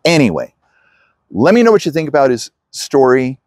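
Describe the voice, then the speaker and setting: A man hosting and interviewing at a convention, in a lively, upbeat way. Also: mid-range voice, normal speed, no room sound, studio quality. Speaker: interviewer and show host. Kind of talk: casual video interview.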